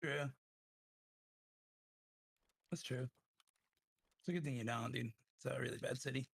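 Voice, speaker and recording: A man's voice: mid-range voice, a little slow, creaky, breathy edge. A man hosting a live game stream, chatting casually with loose, profane banter. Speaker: streamer host. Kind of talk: casual gaming chat.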